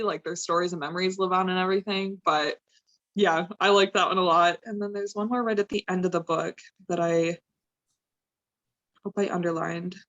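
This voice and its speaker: A woman's voice: fairly low pitch, a bit bright, highs cut off. A woman moderating an online book launch, reading out audience questions. She talks in a chatty, upbeat way and uses a lot of "like" fillers. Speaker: bookstore event moderator. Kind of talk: casual chat hosting an online book launch.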